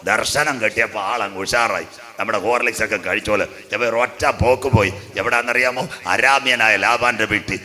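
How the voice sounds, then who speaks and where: A man preaching a sermon in a lowish but bright, forceful voice. He tells the story with humour and then rises into loud preaching. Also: steady tone, moderate pace. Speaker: pastor.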